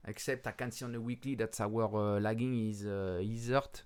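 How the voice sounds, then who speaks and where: Talking over crypto charts, this French-accented man, whose first language is French, offers casual commentary full of pauses, restarts, and the occasional blunt curse. His lowish voice is steady, darkish, clear, and resonant.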